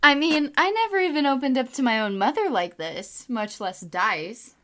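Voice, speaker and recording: A woman's voice: high-pitched, expressive, normal speed, bright, forceful tone. A young woman reading lines of a fan story with a friend, joking and laughing between takes. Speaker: fan voice actor. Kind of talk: giggly blooper read-through.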